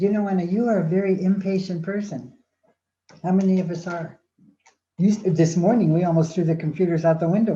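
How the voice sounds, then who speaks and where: Giving a motivational talk on aging well, an older woman uses her mellow, slightly low voice to tell stories and act out inner voices. Sighs and restarts punctuate her speech, and the dull recording echoes as if in a large room.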